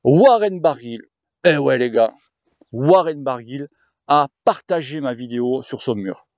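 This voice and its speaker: A man's voice: medium pitch, expressive, unhurried, no echo, dull audio. A man, ranting casually to his viewers as a cycling vlogger, crude and slangy, rambling from one point to the next.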